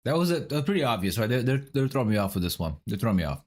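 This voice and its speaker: A man's voice: mid-range voice, big pitch swings, rapid-fire. Young man streamer muttering word guesses. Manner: muttering guesses, swearing, quizzing chat. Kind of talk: casual stream chat, thinking aloud over a word puzzle.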